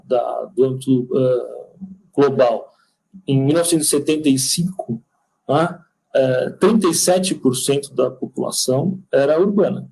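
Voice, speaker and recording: A man's voice: medium pitch, creaky, warm tone, rough recording. A man with a Brazilian Portuguese accent giving a conversational lecture, hesitant with many fillers and restarts. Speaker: lecturer, city attorney. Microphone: online stream.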